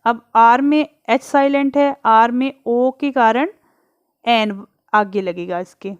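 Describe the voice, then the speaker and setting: A woman's voice: on the high side, takes it slowly, clean tone, no room sound, dull audio. A woman teacher patiently explaining English grammar in Hindi, asking the class questions and answering them, drawing out letters and examples.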